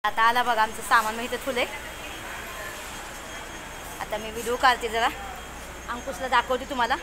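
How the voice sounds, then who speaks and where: A woman's voice: fairly high pitch, little pitch movement, normal speed. A woman chatting with her viewers and the friend filming her as she travels by car to a bus depot. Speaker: vlogger. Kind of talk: casual travel vlog. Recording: noisy phone video from a car and a depot. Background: traffic and street noise.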